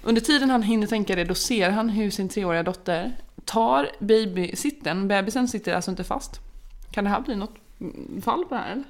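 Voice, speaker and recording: A woman in her thirties, a mother and podcast co-host, chatting casually and acting out quotes as she tells family anecdotes. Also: mid-range voice. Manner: chatty storyteller, acts out quotes, laughs often. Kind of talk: casual chat.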